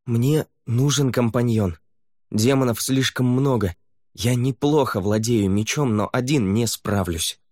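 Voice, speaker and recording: Мужчина-чтец играет испуганного, измученного виной беглеца, который говорит напряжённо и сбивчиво. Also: male voice, medium pitch, measured pace, darkish tone, no echo, studio quality, pitched above the performer's own voice, close to an everyday voice. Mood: pleading. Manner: hesitant, strained. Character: frightened, guilt-ridden runaway man, a father.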